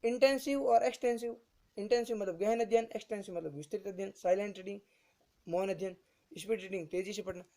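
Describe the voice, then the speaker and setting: Speaking fast in a high, gravelly, dark voice with a steady tone, a male teacher runs an exam-prep lecture. He repeats terms, asks rhetorical questions constantly, and addresses listeners as friends.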